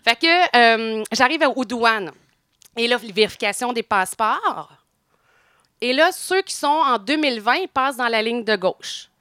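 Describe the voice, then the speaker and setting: A middle-aged woman with a Quebec French accent tells a long story as a podcast co-host. Her voice is bright and crisp, and she laughs easily as she talks. The sound is close and dry. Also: a little high, unhurried, no echo. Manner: animated storyteller, laughs often. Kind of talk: casual chat.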